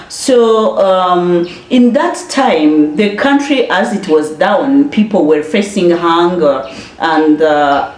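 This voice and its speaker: A woman from Rwanda speaking directly to viewers, halting with frequent filler pauses. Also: deep voice, darkish tone, reverberant. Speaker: commentator addressing viewers. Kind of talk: direct-to-camera personal address.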